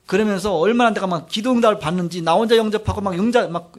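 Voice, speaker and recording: A middle-aged man preaching a sermon, telling a personal testimony in an animated storytelling way. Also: sits high, fast. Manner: animated storytelling, acts out quotes, frequent trailing "like this". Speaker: pastor.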